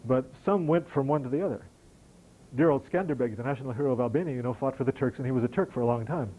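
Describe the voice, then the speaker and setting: A man's voice: mid-range voice, fast, warm tone, poor audio. A middle-aged American man answering audience questions after a lecture, conversational and wry, with frequent restarts. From United States. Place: lecture hall.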